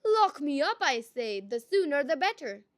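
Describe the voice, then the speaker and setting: A woman performs a sly male trickster from a storybook. The voice is high and swoops upward with melodrama. The manner is folksy, cheerful and full of exaggerated thanks. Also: lively intonation, a little slow, a bit bright. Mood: gleeful, pleading. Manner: folksy, exaggerated, mock-grateful. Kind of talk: acted storybook dialogue.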